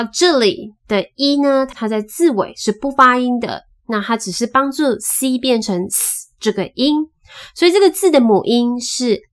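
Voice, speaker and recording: A woman teaching English phonics, patiently spelling out sounds and repeating each word slowly. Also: a little high. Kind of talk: slow spoken phonics lesson.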